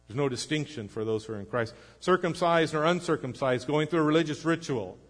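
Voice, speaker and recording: A man preaching a sermon as pastor, earnest, swinging between emphatic lines and low, quiet ones. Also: a little fast. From United States.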